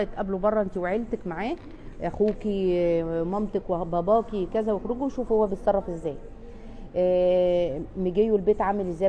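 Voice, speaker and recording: A woman's voice: mid-range voice, mellow, slight background noise. A woman with an Egyptian accent, answering viewers' questions in a casual live chat as a family counselor, chatty, with frequent restarts and emphatic repeats. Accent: Egyptian Arabic.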